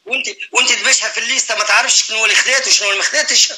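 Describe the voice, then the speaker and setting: Insistent older Tunisian man, very high voice. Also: fairly even intonation, racing, sharp tone. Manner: insistent, repeats short phrases. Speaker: father in a family dispute. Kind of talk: heated argument.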